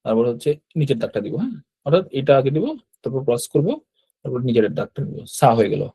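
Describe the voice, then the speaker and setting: A man teaching an online lesson on writing characters step by step. He talks patiently, repeats each stroke, and often checks in with a quick "yes". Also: mid-range voice, animated, warm tone, slightly rough. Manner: patient, repeats steps, frequent "hyaan" checks. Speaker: Japanese language teacher. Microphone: computer mic while drawing with a mouse.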